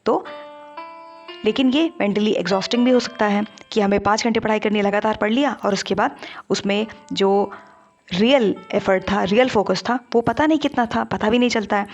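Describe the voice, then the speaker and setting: A woman narrating an animated study-tips explainer, talking to viewers in a chatty teaching manner. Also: mid-range voice, lo-fi sound. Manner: conversational teaching, addresses viewers directly.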